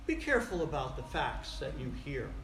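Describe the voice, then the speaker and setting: Preaching in a folksy, conversational manner, this man in his sixties has a mid-range, fairly bright, sing-song voice and talks a little fast. He poses rhetorical questions and repeats phrases for emphasis, and the room is echoey with faint noise behind him.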